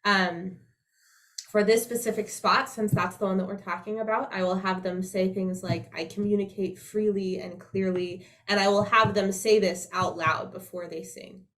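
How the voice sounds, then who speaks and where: A woman with a nasal voice, explaining things as a voice teacher in a conversational, halting way and checking in as she goes. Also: medium pitch, steady tone, a bit bright, poor audio. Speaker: voice teacher, co-presenter.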